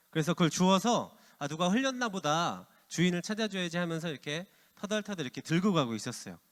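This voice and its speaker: A middle-aged man preaching to teenagers as youth pastor, lively and calling them by name. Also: fairly high pitch. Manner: lively, addresses teens by name. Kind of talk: youth sermon with quiz. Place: church hall. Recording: long hall reverb.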